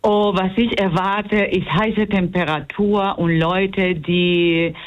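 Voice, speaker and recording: Slow, hesitant Puerto Rican woman. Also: fairly low pitch, steady tone, highs cut off. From Puerto Rico. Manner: hesitant, searching for words, warm and laughing. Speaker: musician guest. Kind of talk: radio interview.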